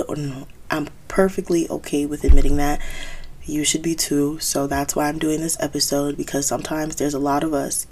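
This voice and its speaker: A woman's voice: sits low, a little mellow, a little hiss or hum. A woman in her twenties hosting a solo podcast, talking candidly and conversationally as she thinks aloud. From United States, Haitian American. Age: 20s. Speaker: podcast host.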